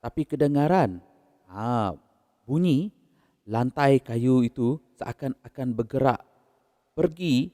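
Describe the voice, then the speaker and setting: A man with a Malaysian Malay accent narrating a horror story in a casual, unhurried way, chuckling between beats. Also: medium pitch, expressive, mellow, in a large hall.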